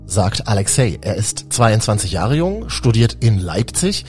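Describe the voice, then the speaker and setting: A man's voice: on the low side, big pitch swings, unhurried, faint music behind. A man hosting a podcast, introducing guests and asking questions in a friendly, conversational way. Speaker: podcast host.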